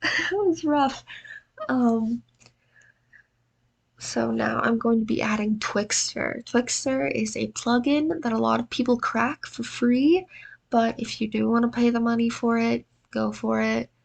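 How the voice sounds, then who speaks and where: A woman's voice: on the high side, steady tone, measured pace, vocal fry. A tired, exhausted-sounding woman with allergy congestion narrates a tutorial in a casual, self-deprecating way. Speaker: video editing tutorial presenter.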